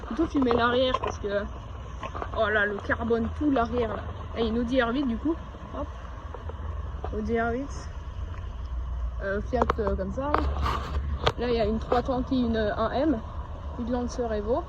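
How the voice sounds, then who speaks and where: A man giving excited commentary while spotting cars on a city street, gushing and stumbling over his words. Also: extremely high pitch, moderate pace, pauses often. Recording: dull lo-fi phone audio with loud street noise.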